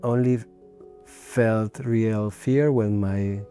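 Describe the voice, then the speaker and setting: A man hosting a casual interview, relaxed and asking short, direct questions. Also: on the low side, very slow, faint music behind. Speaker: host.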